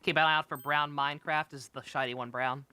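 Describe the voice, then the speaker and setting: A man's voice: on the high side, steady tone, brisk, bright, forceful tone, smooth, faint music behind. A man giving casual, sweary, joking commentary while streaming a video game.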